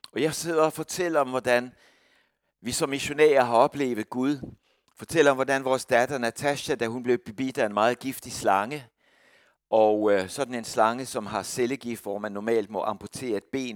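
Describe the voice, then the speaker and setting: A middle-aged man speaks as a missionary sharing his testimony. He tells it like a lively storyteller, with a voice of middle pitch. The recording is dry and close, with almost no room sound. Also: dry recording. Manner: lively storyteller who acts out quoted voices.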